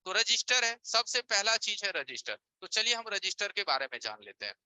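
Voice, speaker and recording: A man's voice: high-pitched, big pitch swings, brisk, pushed and bright, smooth, dry recording, rough recording. A man teaching a live online repair class, explaining with everyday examples and rhetorical check-in questions over a screen share. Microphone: voice-over on a screen-share stream.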